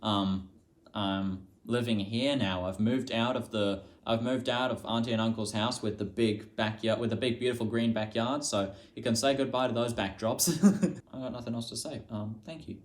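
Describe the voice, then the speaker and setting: A young man just out of high school, chatting casually to the camera as a vlogger. He mocks himself and swears offhandedly. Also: steady tone, moderate pace. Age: young adult, just out of high school.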